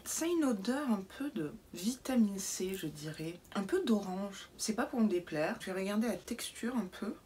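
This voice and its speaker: A woman vlogging an unboxing to camera, chatty and casual, sometimes dropping into soft asides, in a brightly lit indoor room. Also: mid-range voice, animated, normal speed, hardly any pauses, a little hiss or hum. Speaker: beauty box unboxing vlogger.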